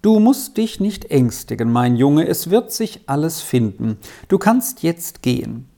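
A reader voicing a kindly, fatherly village pastor who admonishes gently in an old-fashioned tone. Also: medium pitch, sing-song, measured pace, gravelly. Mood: reassuring. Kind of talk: audiobook reading of a character.

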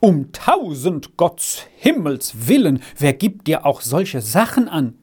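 A man's voice: on the high side, very animated, takes it slowly, darkish tone, husky, full character voice. A man voicing a worried, scolding peasant mother who laments in a raised voice. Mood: lamenting. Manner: urgent, lamenting.

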